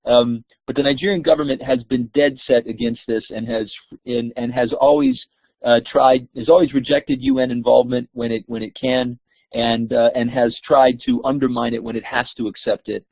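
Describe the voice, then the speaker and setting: A scholar appearing as a guest explains things at length in an online discussion, hesitating often with "um" and "uh." His medium-pitched voice has vocal fry and a moderate pace, and the video-off call audio is dry and tinny, like a phone line, with no room sound.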